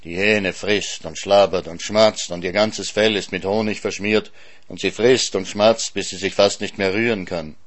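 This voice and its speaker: A man reading a story aloud in a calm, lively storytelling manner. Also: low-pitched, moderate pace. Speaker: narrator.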